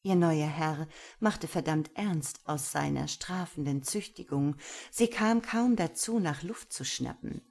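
A woman reading an audiobook in a slow, measured, hushed manner. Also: deep voice, vocal fry. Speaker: narrator. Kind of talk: audiobook narration.

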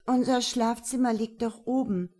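A woman's voice: on the high side, fairly even intonation, normal speed, warm tone, voice pushed up, natural voice. A woman reading an audiobook, voicing a naive young woman who pipes and whines. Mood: innocent. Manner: piping, whiny.

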